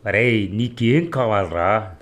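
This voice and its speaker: A man voicing an enraged middle-aged faction boss who shouts abusive threats. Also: fairly low pitch, takes it slowly. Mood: furious.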